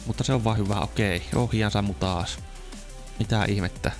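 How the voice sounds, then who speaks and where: A man's voice: lowish voice, music in the background. A man giving casual commentary over a racing game, exclaiming at near misses, his voice a little strained from a dry mouth. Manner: excited yelps at near misses. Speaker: gaming video host.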